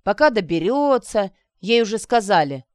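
A woman's voice: medium pitch, sing-song, normal speed, no echo, studio quality, lightly acted. A woman reading an audiobook voices a tired male police officer who mumbles glumly and without conviction. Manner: glum, mumbling, unsure.

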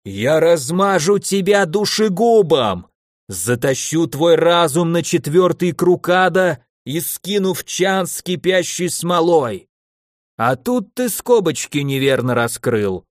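A man voicing an ancient, irritable archmage who speaks in a slow, drawn-out growl in an audiobook. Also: fairly high pitch, expressive, no echo, studio quality. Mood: furious. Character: ancient irritable male archmage, stern and grumpy.

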